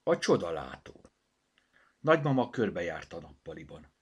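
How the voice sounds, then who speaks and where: A man reads a children's story aloud with expressive delivery. His voice is low and husky, and his pitch moves over a very wide range. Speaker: narrator.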